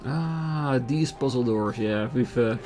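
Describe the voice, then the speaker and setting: A man's voice: mid-range voice, takes it slowly, a little mellow. A man hosting a let's play with casual, hesitant, rambling commentary as he plays. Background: game music.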